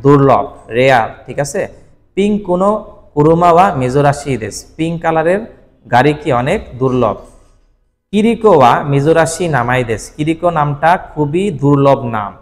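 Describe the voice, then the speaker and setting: A man's voice: fairly high pitch, lively intonation, moderate pace, big-room sound. A man whose first language is Bengali teaches Japanese vocabulary in a patient classroom style, often checking that the listener follows.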